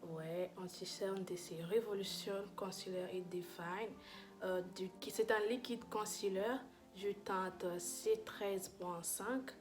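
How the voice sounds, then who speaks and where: A woman's voice: medium pitch, fairly even intonation, slow, soft background music. Chatty young woman gushing over makeup. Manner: chatty, gushing, many fillers and restarts. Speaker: beauty vlogger. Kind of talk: casual makeup review vlog.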